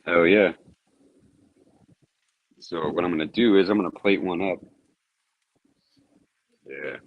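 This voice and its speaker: A man's voice: low voice, takes it slowly, gravelly, dull audio. A man hosting his own cooking vlog, chatting casually and thinking aloud as he grills. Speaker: cooking show host.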